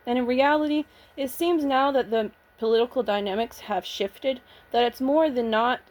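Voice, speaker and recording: Woman vlogger, slightly high voice, blunt and agitated, swears a lot, nervous casual rant. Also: a little mellow. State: shaky, nervous. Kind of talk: casual ranting vlog.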